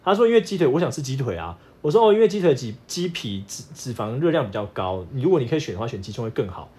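A quick, lively man's voice with a mid-range pitch that swings widely as he talks. He co-hosts a casual chat with his wife, coaching-style explanations mixed with animated retellings of their arguments. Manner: animated, acts out his wife's whining in quotes. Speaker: podcast co-host, fitness coach.

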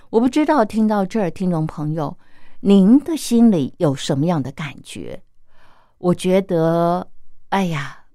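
A middle-aged woman, talking earnestly and gently as a radio host, with many soft fillers. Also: lowish voice, no room sound, clean studio sound. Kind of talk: reflective radio talk.

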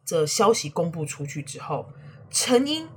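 Woman reading a story to kids; low-ish voice, very lively pitch, faint noise behind. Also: measured pace. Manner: animated, addresses listening children directly. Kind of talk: children's storytelling.

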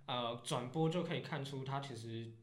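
Man, Taiwanese Mandarin accent, medium pitch, casual sports co-host, conversational, roomy echo. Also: normal speed. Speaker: baseball podcast co-host.

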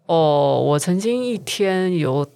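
A man's voice: fairly high pitch, lively intonation, slow pace, creaky, warm tone, clear, resonant tone, dry recording, studio quality. A man with a Taiwanese accent chatting casually, somewhat hesitant and repeating words as he goes. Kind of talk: casual chat.

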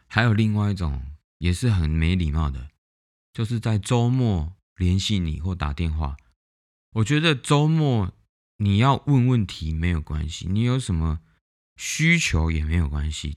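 A man speaks in a low voice with a Taiwanese Mandarin accent. He hosts a casual monologue podcast and talks bluntly. He tells stories with a lot of animation and acts out the people in them. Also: darkish tone. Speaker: podcast host.

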